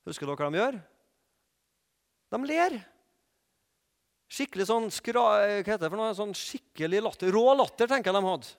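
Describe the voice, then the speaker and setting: High-voiced male preacher in an echoey hall. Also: long pauses. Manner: lively storytelling with asides and questions to the audience. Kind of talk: sermon.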